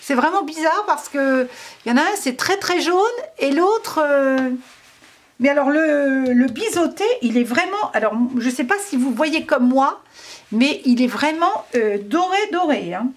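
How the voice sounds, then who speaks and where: A woman's voice: high-pitched, lively intonation, measured pace. A French woman casually reviewing craft markers, chatty and hesitant, thinking aloud with many fillers.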